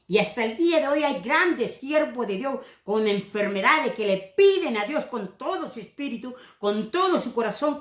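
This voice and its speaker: A woman's voice: fairly high pitch, roomy sound. A woman preaching a sermon with passion, now and then mimicking other preachers mockingly.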